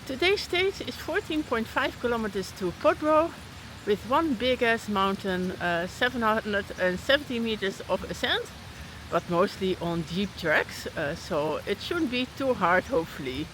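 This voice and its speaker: A woman's voice: mid-range voice, animated, measured pace, fairly bright tone, slight background noise, low-quality recording. A woman hiking vlogger talking casually outdoors on a mountain trail in the rain, chatty with frequent fillers. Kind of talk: casual vlog narration while hiking.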